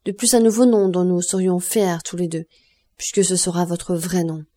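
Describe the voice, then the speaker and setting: Woman reading young man, earnest, devoted son, persuasive, mellow voice, audiobook. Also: lowish voice, moderate pace, lightly acted. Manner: earnest, persuasive, forced cheer.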